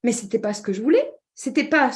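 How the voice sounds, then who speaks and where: Slightly high-voiced woman explaining. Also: big pitch swings, fast talker. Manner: checks in with listeners with repeated 'd'accord?'; hesitant restarts with frequent fillers. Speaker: communication trainer and speaker. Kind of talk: explanatory talk.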